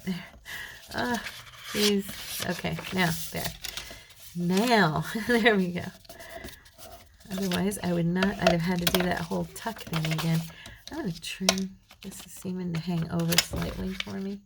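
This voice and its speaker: In a casual crafting tutorial, a tired middle-aged host rambles to her viewers as she works and mutters softly to herself. Her voice is gravelly and on the low side, with a steady tone, measured pace, and vocal fry, set against background noise.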